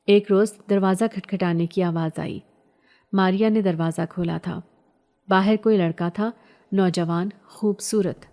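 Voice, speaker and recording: A woman narrating a horror story in a measured, steady storytelling voice. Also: fairly low pitch.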